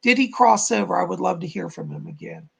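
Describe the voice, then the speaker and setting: A man with a hoarse, croaky frog voice, giving live spiritual readings to donors as a psychic medium. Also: high-pitched, wildly swooping pitch, fairly quick, fairly bright tone.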